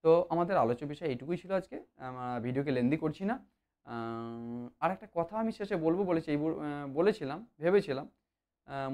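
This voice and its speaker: Grammar teacher for a kids' lesson; lively, sing-song delivery, fillers, repeats points. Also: mid-range voice. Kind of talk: explanatory online lesson.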